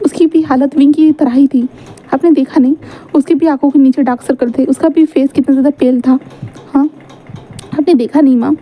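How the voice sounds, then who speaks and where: A woman's voice: sits high, steady tone, fairly quick, close to an everyday voice. A woman doing a kind, persuasive young daughter. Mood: gentle persuasion. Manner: gently persuasive.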